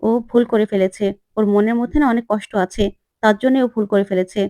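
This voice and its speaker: A woman voicing a defiant, sharp-tongued young woman in a retold TV serial, full of challenging questions. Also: mid-range voice, fairly even intonation, a little fast, dry recording, close to an everyday voice. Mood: earnest. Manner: challenging, sarcastic.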